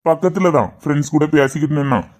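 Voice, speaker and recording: Man playing an uncle, firm, reassuring, slightly high voice. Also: quick pace, a little mellow, natural voice. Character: steady uncle, calming and advising the family.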